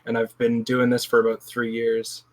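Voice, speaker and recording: A man's voice: mid-range voice, completely flat delivery, moderate pace. A man talking casually as a podcast guest, reflective, often restarting his sentences. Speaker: podcast guest, game project lead. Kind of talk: casual chat.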